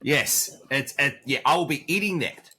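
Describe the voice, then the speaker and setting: A man talking on a podcast at an ordinary middle pitch. He speaks in a relaxed, slightly halting way. His humor is dry and sarcastic. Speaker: podcast co-host. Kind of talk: casual chat.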